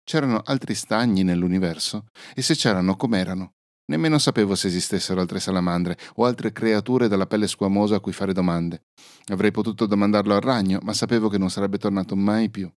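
A man narrating a fairy-tale story in a calm, even storytelling manner. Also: on the low side, a little fast, dry recording, clean studio sound. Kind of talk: scripted first-person narration.

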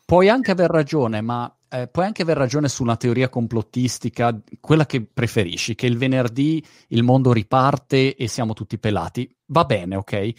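A man's voice: medium pitch, moderate pace, few pauses, no echo, clean studio sound. A man talking frankly in a casual conversation as a video creator, with informal swearing and a plain everyday delivery. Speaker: YouTuber guest.

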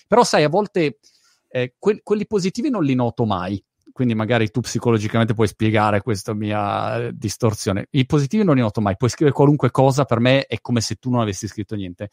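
A man's voice: mid-range voice, no echo, clean studio sound. A man talking frankly in a casual conversation as a video creator, with informal swearing and a plain everyday delivery. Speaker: YouTuber guest.

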